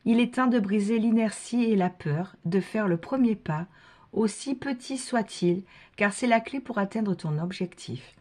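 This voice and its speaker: A soft-spoken woman doing a spiritual card reading and leading a prayer. She whispers asides to herself and repeats her thanks and prayers slowly. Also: medium pitch, expressive.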